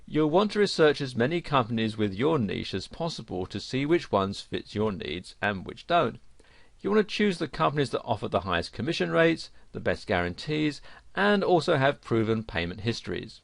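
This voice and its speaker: A man reading a scripted instructional narration for an online course, with a lively, emphatic delivery. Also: medium pitch, normal speed, gravelly, no room sound.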